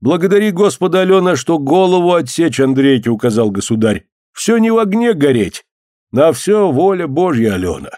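A man's voice: a little high, very animated, normal speed, mellow, dry recording, studio quality, voice pushed up. A man playing an unctuous old village priest. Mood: sermonizing. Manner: unctuous, pious, sermonizing.

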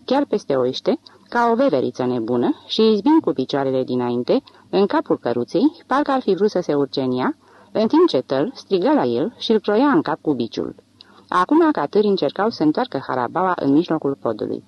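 A woman narrating a literary audiobook with an expressive, dramatic reading. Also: sits low, no echo, dull audio.

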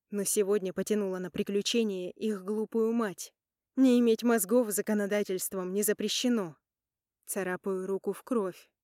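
A woman's voice: medium pitch, dark tone, no echo, studio quality. A woman narrating a first-person audiobook in an emotional, dramatic manner.

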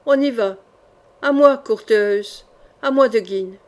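A woman reading an audiobook, voicing a rough, wine-soaked nobleman who growls and sneers at his victims. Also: a little high, takes it slowly, a little mellow. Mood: menacing. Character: rough drunken male nobleman bully.

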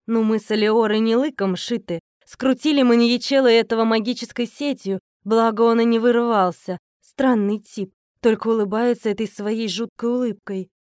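A woman narrating a first-person audiobook in a lively, expressive way. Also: fairly high pitch, no room sound, studio quality.

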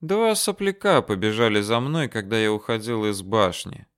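A man voicing a calm, menacing male desert soldier officer who talks softly and mockingly. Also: lowish voice, moderate pace, clean tone, natural voice. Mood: coolly mocking. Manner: soft, coolly mocking.

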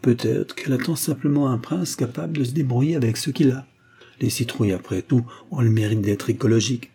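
A man reading an audiobook, voicing a proud, quick-witted young baroness with dry, cutting repartee. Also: medium pitch, creaky, dark tone, a little hiss or hum, lightly acted. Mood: sly.

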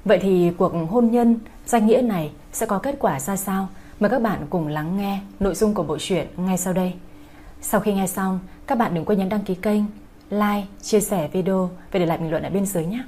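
A woman's voice: medium pitch, normal speed, warm tone, a little hiss or hum. A woman host giving a polite, formal scripted introduction to an audiobook for her listeners. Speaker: channel host.

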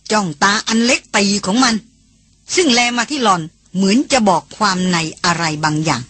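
A woman reading an adventure novel aloud as an audiobook in a steady, measured storytelling voice. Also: mid-range voice, slightly rough, no room sound. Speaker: audiobook reader. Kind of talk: scripted narration.

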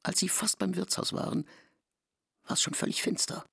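A man with a gravelly, husky voice reading literary narration for a radio play. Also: high-pitched, steady tone, moderate pace, bright, forceful tone, no room sound, clean studio sound.

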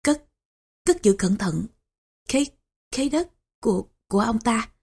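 A woman's voice: mid-range voice, moderate pace, creaky, a little mellow, breathy edge. A woman voicing a frail dying old father who stammers and speaks in weak, broken phrases. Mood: frail, faltering. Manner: stammering, faltering weak speech.

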